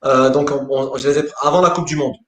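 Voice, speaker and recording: A man, a sports coach, answering interview questions in a lively way, often repeating words as he thinks. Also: mid-range voice, a little fast, a little hiss or hum. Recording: roomy echo.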